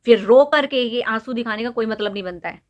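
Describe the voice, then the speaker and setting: In a direct-to-camera opinion rant, a young woman YouTube vlogger lectures and scolds someone, driving her points home again and again with rhetorical questions. Her voice is a little high and a little fast, and the highs are cut off.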